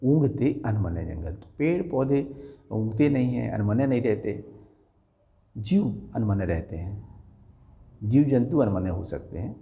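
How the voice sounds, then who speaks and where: A man teaches a lesson, going through exam questions one by one and explaining each answer step by step. His voice is warm and mellow, and his pitch rises and falls a lot. A long reverb hangs behind him. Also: a little slow, gravelly, long pauses. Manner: explains step by step, lively rising and falling pitch.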